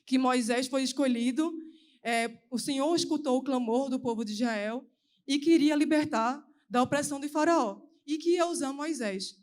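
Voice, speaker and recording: A young woman preaching at a youth service, giving an earnest, emotional personal testimony in a quick, anxious delivery. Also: high-pitched. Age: young adult.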